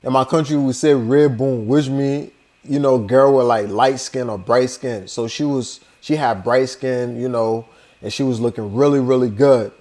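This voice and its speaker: A man's voice: medium pitch, steady tone, moderate pace, a little mellow. A young man, casually telling a personal story to his vlog audience, laid-back and loose, full of "you know" and "like". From Liberia. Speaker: vlogger.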